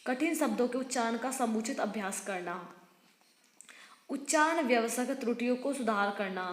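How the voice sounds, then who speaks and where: A fairly high-pitched woman reads teaching notes aloud like a tutor going through exam material. She stumbles and restarts now and then and turns to her students for quick informal asides. The room rings with long, echoing reverb. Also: expressive. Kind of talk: reading out exam study notes.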